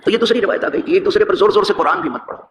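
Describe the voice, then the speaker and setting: A middle-aged man, a mosque imam, giving a hadith lesson with animated rhetorical questions and recited verse. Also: sits high. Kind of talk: religious lesson talk. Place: mosque hall. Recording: echoey hall with background noise.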